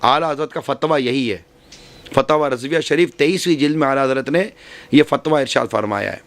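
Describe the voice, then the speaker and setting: A man preaching to a women's gathering, giving earnest advice and often repeating and rephrasing his points. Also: on the high side. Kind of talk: religious speech.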